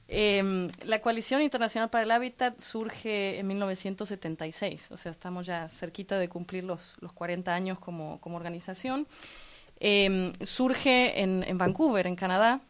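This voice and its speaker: A woman from La Plata whose Argentine accent is mixed with Mexican, explaining her organization's work calmly and fluently as a guest in a radio studio interview. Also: medium pitch. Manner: measured, fluent, structured explanations with frequent "¿no?" and "digamos". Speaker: guest, coalition president.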